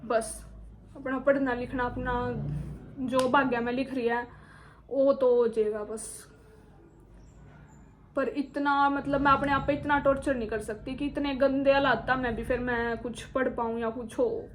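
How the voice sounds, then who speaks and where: High-voiced Haryanvi young woman vlogging. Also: steady tone, a little slow, a little hiss or hum. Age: young adult. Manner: earnest, appealing to viewers. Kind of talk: personal story monologue.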